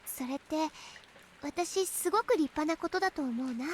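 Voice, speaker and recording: A high, youthful girl's voice from a visual novel , acted by a woman. She is mysterious and speaks quickly with a sweet, unsettling smile in her delivery. Faint noise sits behind her. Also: lightly acted. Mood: sweet, probing. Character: mysterious teenage girl, sweetly smiling yet unsettling. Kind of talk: Japanese visual novel voice acting.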